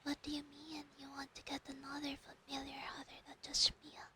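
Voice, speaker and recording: A woman voicing a clingy, proud female fox spirit familiar in a whispered role-play, breathy and intimate on a close binaural microphone. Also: sits high, monotone, brisk, bright, forceful tone, slight background noise. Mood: hurt, possessive.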